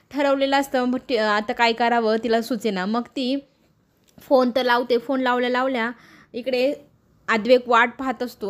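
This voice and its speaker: A woman briskly retelling a TV serial episode as a story, slipping into the characters' quoted lines as she goes. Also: on the high side. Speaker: serial recap narrator.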